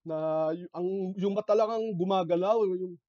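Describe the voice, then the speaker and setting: A man with a slightly high voice tells stories to a gathered community in a lively, conversational way and often checks in with the listeners. The sound is dry and close but a little dull and muffled. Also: moderate pace, dry recording. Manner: conversational, animated storytelling with frequent "no?" and "okay?" asides. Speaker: lay speaker. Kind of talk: inspirational talk with personal stories.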